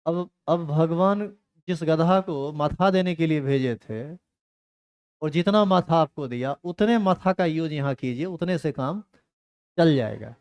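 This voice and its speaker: A man with a smooth, somewhat high and slightly mellow voice lectures a chemistry class at a measured pace. He teases and scolds his students in a rustic Hindi dialect.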